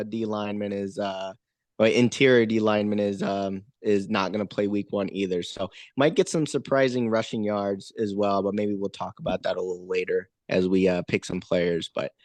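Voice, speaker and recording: A man co-hosting a casual sports talk, speaking in a hesitant, halting way full of fillers. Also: fairly low pitch, darkish tone, no room sound. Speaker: podcast co-host.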